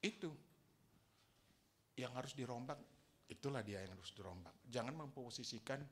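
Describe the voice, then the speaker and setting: Animated man preaching a chatty sermon. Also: mid-range voice, moderate pace, a little hiss or hum. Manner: conversational, teasing the congregation with questions.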